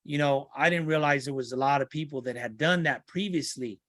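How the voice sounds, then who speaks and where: An earnest middle-aged man talks through his life story as a podcast guest. His voice sits a bit high, and the dry, close recording has no room sound. He restarts and repeats phrases as he finds his words. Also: a little fast, fairly bright tone, dry recording. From Santa Ana, California. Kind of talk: podcast interview conversation.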